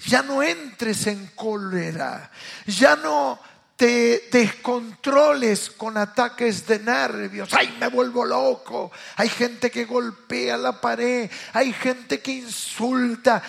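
Raspy high-voiced Rioplatense preacher. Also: male voice. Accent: Rioplatense Spanish. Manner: impassioned, swings from loud calls to hushed asides. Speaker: pastor. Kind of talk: sermon.

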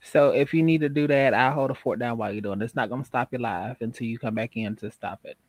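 A man's voice: medium pitch, fast, no echo. A man with an American accent chatting casually on a live stream as guest co-host, with sassy, campy, folksy drag queen banter.

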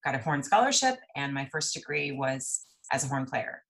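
A woman from El Paso, Texas, talking as an interview guest in a relaxed, thoughtful storytelling manner. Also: very deep voice, moderate pace, low-quality recording. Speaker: guest, jazz singer and voice teacher. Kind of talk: interview conversation.

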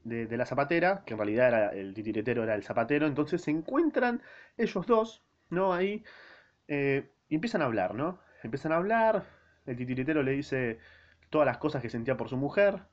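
Argentine male podcast host, casual slangy book recap, rambling. Dull lo-fi sound. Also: on the high side. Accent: Argentine Spanish. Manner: slangy, rambling, self-interrupting. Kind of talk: casual spoken book summary. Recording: dull lo-fi recording.

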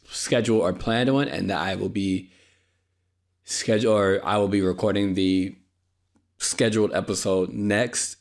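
A young man with a lowish voice and vocal fry hosts his own podcast, speaking without a script into a podcast mic. His tone is tired and apologetic, a little dry, and he keeps restarting sentences and using fillers.

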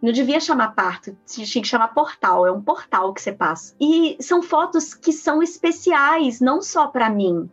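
A woman's voice: sits high, animated, moderate pace, hardly any pauses, slightly rough, soft background music. A woman guest on a podcast chatting casually, telling a story with animation and acting out the dialogue. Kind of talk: casual chat. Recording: dull lo-fi sound.

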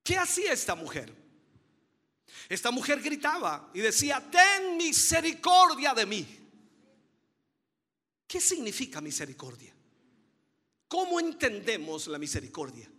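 A man's voice: high-pitched, huge pitch swings, normal speed, pauses often, pushed and bright, slightly rough. A man preaching a sermon with fervent, emphatic delivery, building repeated phrases and calling listeners dear brother. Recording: long hall reverb.

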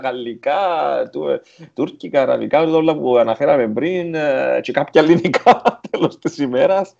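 A man's voice: a little high, vocal fry, a little mellow, dull audio. A man with a Greek Cypriot accent telling stories casually as an interview guest, dropping English words into his talk. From Cyprus. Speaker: interview guest, film and theatre director. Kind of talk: casual conversational storytelling.

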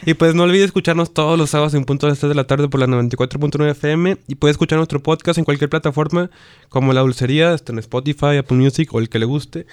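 Man, radio host, quick talker, dry close studio sound. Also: a little high, darkish tone, clean tone, no echo. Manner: brisk, wrapping up segments. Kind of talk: radio show hosting.

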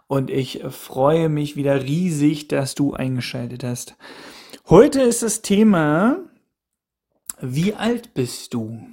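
Guy in his 30s doing a solo podcast, unhurried, keeps restarting and repeating himself. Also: a little high, darkish tone. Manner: musing aloud, repeating questions, many restarts. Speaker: podcast host. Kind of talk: casual solo podcast monologue.

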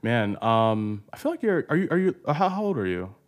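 A man's voice: mid-range voice, very animated, fairly quick. A man in his twenties hosting a podcast, chatty and loose, with frequent "like"s and casual swearing. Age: 20s. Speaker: podcast host. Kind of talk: casual interview chat.

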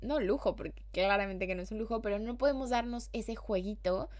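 A woman's voice: medium pitch, a little fast, darkish tone. Mexican woman on her podcast, casual slangy chat, talks like she's with friends. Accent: Mexican Spanish. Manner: chatty and slangy, with playful acted-out quotes. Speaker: podcast host.

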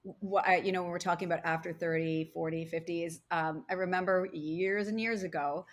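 A woman's voice: fairly low pitch, fairly even intonation, a little fast. A woman in her forties, a guest podcast co-host, chatting casually and rambling with lots of fillers and restarts. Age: 40s. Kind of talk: casual conversation.

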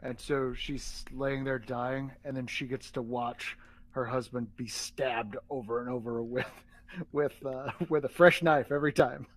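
Chill guy on a podcast, mid pitch, chuckles as he talks. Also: steady tone, measured pace. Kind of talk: casual chat.

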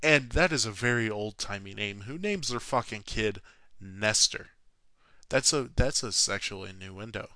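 A man's voice: fairly low pitch, unhurried, pushed and bright, dry recording. A man narrating a sports history story from a script, sarcastic and self-mocking, with frequent swearing. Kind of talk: read-from-script narration with jokey asides.

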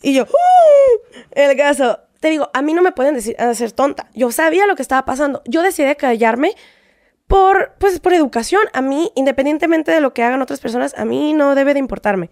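A woman with a Mexican accent, a guest telling a personal story in casual chat, animated and often acting out what people said. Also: high-pitched, a little fast, no room sound, studio quality. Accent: Mexican Spanish. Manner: animated, acts out quoted exchanges, frequent tag questions.

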